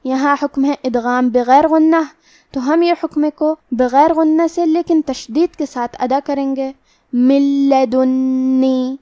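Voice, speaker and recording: A woman teaching Quran recitation rules step by step in a calm, methodical way. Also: high-pitched, no echo, clean studio sound. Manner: slow drawn-out demonstration of each word. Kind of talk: step-by-step tajweed lesson.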